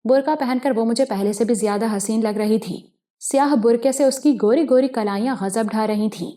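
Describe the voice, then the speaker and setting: A woman narrating a suspense novel as an audiobook, in steady, measured storytelling. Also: fairly high pitch. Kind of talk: novel reading.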